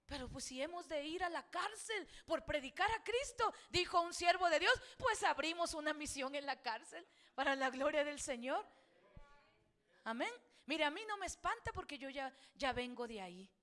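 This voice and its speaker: A middle-aged woman pastor with a Mexican Spanish accent, preaching a sermon and telling stories dramatically, swinging from loud declarations to near-whispers. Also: sits high.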